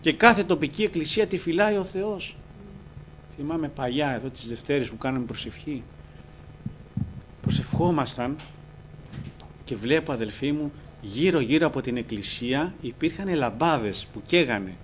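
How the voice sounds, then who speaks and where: A man's voice: fairly high pitch, lively intonation, long pauses, dull audio, slight background noise. A man preaching a fervent sermon to his congregation, often calling them brothers. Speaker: pastor.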